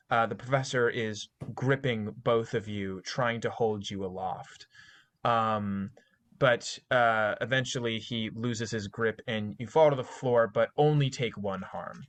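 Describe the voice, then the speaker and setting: A man narrating a tabletop horror game as game master, talking haltingly with many fillers and self-corrections. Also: on the low side, a bit bright.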